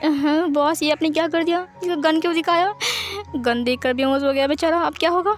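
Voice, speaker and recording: A woman's voice: sits high, fairly even intonation, a little fast, faint music behind, lightly acted. A woman voicing a panicky young male assistant who stammers when alarmed. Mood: fretful.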